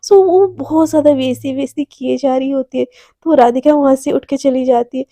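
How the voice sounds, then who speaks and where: A woman tells a romance story in a relaxed, chatty way, slipping English words into her talk. Her voice sits high but sounds mellow, and the recording is close and dry. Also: brisk, dry recording. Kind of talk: casual story narration.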